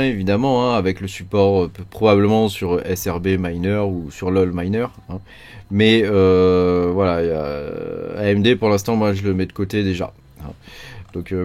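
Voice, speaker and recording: A man's voice: lowish voice, darkish tone. A man from France hosts a mining channel, explaining things in casual, rambling talk full of fillers. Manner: rambling, many fillers like euh, hein, quoi. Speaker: crypto mining channel host.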